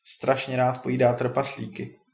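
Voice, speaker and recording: A man's voice: mid-range voice, monotone, darkish tone, lightly acted. A man doing a teasing old wizard. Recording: roomy echo.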